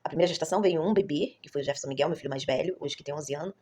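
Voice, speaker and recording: Low and dark in tone, her voice races along as she rambles through a casual vlog story for viewers, catching and correcting herself often. She is a mother and vlogger in her 30s.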